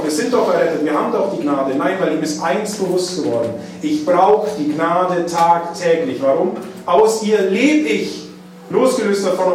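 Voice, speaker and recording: A man preaching a sermon, dwelling on key phrases with drawn-out emphasis. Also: high-pitched. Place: church hall. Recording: echoey church hall, mic at a distance.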